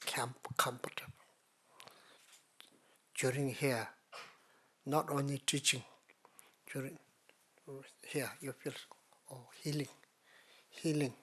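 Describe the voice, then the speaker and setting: A man's voice: medium pitch, steady tone, slow, pauses often, sharp tone, slight background noise. A man giving a Buddhist dharma talk in simple, broken English, with a playful and teasing manner. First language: not English. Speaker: Buddhist teacher. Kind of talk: dharma talk to a retreat audience.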